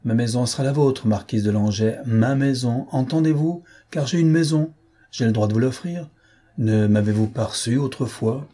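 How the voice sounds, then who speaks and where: A man's voice: medium pitch, moderate pace, dark tone, close to an everyday voice. A man voicing a brazen, ragged rogue in an audiobook, with a thundering, mocking delivery. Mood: sardonic. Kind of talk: audiobook character voice.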